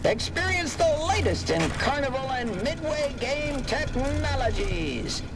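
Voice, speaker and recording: A high-pitched, upbeat carnival prize announcer for a video game attraction. The delivery is showy and exclamatory, swinging widely in pitch at an unhurried pace. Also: sing-song, very noisy, exaggerated voice. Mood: showy, inviting. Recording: loud music behind the voice.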